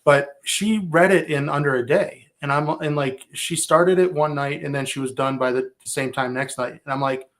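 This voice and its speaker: A man's voice: a little high, fairly even intonation, moderate pace, hardly any pauses, a bit bright. A man in his forties with a Midwestern accent, an author guest talking in a rambling, eager way in casual podcast chat. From Illinois. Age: 40s. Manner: rambling, eager, many fillers.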